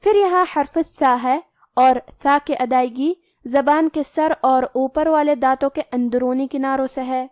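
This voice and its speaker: High-voiced woman teaching Quran recitation. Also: darkish tone, no room sound, studio quality. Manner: methodical, explains each rule then recites the word slowly. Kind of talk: tajweed lesson, explaining letter rules.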